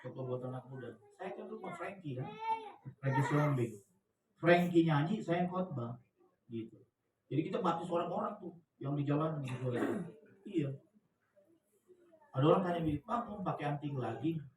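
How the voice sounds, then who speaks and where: Brief: man pastor, high-ish voice, loose joking sermon, echoey church hall, mic set back. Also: animated, normal speed, long pauses, a little mellow, far from the mic, slight background noise. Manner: chatty, joking, with slangy asides and laughter. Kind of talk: lively conversational sermon.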